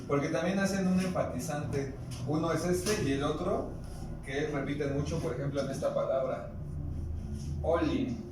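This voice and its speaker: A man with a Mexican Spanish accent leads a classroom lesson, patiently explaining and asking his students questions. His voice sits a little high. He is picked up from across a strongly echoing room with faint background noise. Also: normal speed. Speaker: Nahuatl teacher. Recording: echoey room, distant mic, faint noise.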